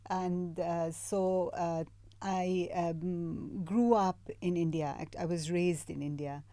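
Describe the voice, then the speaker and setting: A middle-aged woman from Iran, a guest artist, speaking hesitantly with many pauses in casual interview chat. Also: on the low side, steady tone, warm tone, no room sound. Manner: hesitant, many fillers and restarts.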